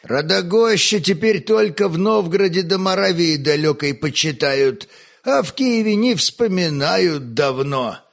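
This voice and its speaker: A man's voice: sits high, lively intonation, unhurried, gravelly, exaggerated voice. A man reading aloud, voicing an indignant, hook-nosed old sorcerer who speaks out in displeasure. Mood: displeased. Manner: indignant, exclaiming.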